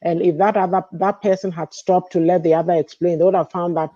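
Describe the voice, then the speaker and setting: A woman in a casual book discussion who gently explains her point with everyday examples. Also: fairly low pitch, flat delivery, fairly quick, dry recording. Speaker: book club member. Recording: dull, dry lo-fi sound.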